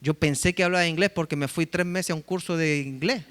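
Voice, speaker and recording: A man preaching in a church, his voice high and bright. He tells lively stories and acts out the quotes. A long reverb hangs after his words. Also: brisk, smooth. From Chile. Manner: lively storytelling, acting out quotes. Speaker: pastor. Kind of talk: sermon. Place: church sanctuary.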